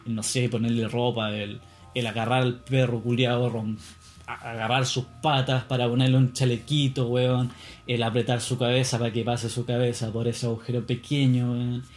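A man's voice: medium pitch, flat delivery, moderate pace. Rambling, profane man. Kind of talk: casual monologue.

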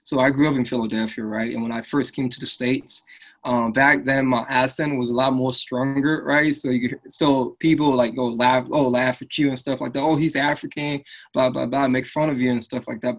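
This interview guest is a fitness business owner from Liberia, chatting casually in an earnest, upbeat way and frequently tacking "right?" onto his lines. He speaks at normal speed with a medium pitch and a steady tone.

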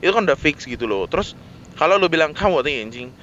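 A man with a Jakarta accent talks in a loose, casual rant, dropping English words and fillers as he goes. His voice sits a little high for a man. The recording is muffled and lo-fi, with a faint vehicle rumble underneath. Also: expressive, quick pace, fairly bright tone. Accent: Jakarta Indonesian. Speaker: vlogger. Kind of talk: casual ranting monologue.

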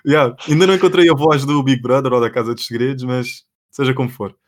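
A young Portuguese man co-hosting a podcast in loose casual chat. His European Portuguese accent is plain, his pitch sits in the middle, and he rambles with frequent fillers. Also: quick pace. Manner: relaxed, rambling, many fillers like pá and epá. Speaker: podcast co-host.

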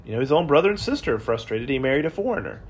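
A man hosting a podcast Bible study, teaching in a relaxed conversational way and retelling scripture in everyday words. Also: medium pitch, rapid-fire, slight background noise.

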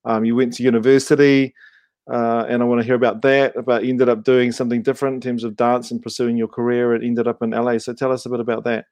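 A man hosting an interview in a calm, measured way. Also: mid-range voice, no room sound. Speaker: host. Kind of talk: interview, podcast host.

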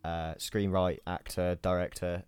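A man's voice: sits low, level tone, moderate pace, darkish tone, clean tone, dry recording. A young man, chatting enthusiastically on a podcast, hesitating and repeating himself often. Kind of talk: casual chat.

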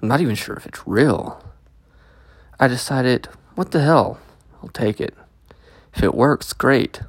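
Guy reading a story out loud, gravelly fry in his voice, dry close mic. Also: mid-range voice, animated, measured pace, no echo. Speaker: host and story reader of a podcast. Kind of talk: scripted first-person story narration.

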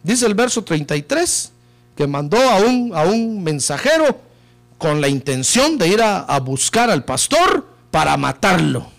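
A man preaching a sermon with passion, dropping to low murmurs and rising to shouted peaks, often calling listeners "brother". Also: very animated, unhurried, gravelly. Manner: keeps addressing listeners as "hermano". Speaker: pastor.

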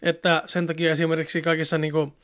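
A man chats casually, rambling from one point to the next with lots of fillers. His voice is smooth and clear and sits a bit high for a man. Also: completely flat delivery, a bit bright. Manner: rambling and chatty, with many fillers. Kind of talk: casual chat.

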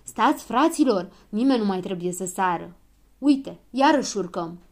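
A woman voicing a boastful, clumsy little boy dwarf who squeals loudly and stubbornly. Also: fairly high pitch, very animated, voice pushed up. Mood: indignant bossy.

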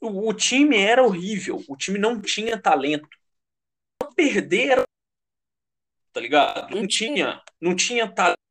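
High-voiced Brazilian man ranting casually about sports. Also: sing-song, normal speed, a bit bright. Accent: Brazilian Portuguese. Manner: slangy, swearing, emphatic, repeats phrases for emphasis. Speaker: American football fan commentator. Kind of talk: casual, heated sports chat.

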